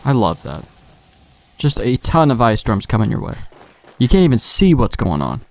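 In a dry recording with game music faintly behind him, a man who hosts a let's play chats casually and rambles through his gameplay, thinking aloud and swearing mildly. His mid-range voice moves through big pitch swings at a moderate pace.

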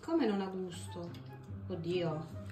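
A woman's voice: on the low side, expressive, takes it slowly. A woman in her forties, a mother hosting a family vlog, talking in a caring, coaxing way. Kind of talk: casual family vlog chat. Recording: echoey room with music behind.

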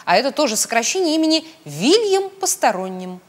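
Storybook narrator: woman with a slightly husky voice and a lively, swooping delivery. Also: high-pitched, fairly quick. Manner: expressive, sing-song storytelling. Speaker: storybook reader. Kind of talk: children's audiobook narration.

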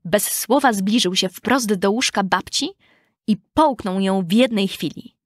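A woman reading a children's storybook aloud in a calm, even storytelling manner. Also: mid-range voice, a little slow, no echo, clean studio sound. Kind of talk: scripted storybook narration.

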